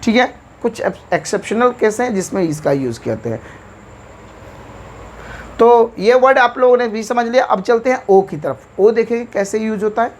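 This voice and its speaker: A woman's voice: on the high side, a little hiss or hum. A woman with an Indian accent teaching an English vocabulary lesson, spelling words letter by letter and often checking in with "theek hai".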